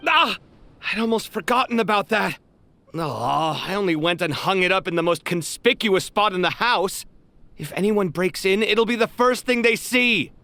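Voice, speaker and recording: An actor playing a fussy, easily indignant young man in a video game, talking in an animated, huffy way. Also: sits high, normal speed, no room sound, exaggerated voice.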